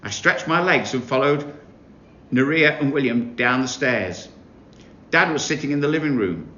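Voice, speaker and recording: Lively man reading stories aloud. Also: medium pitch, moderate pace. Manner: expressive, lively storytelling. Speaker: town crier reading competition stories. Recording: roomy, dull recording.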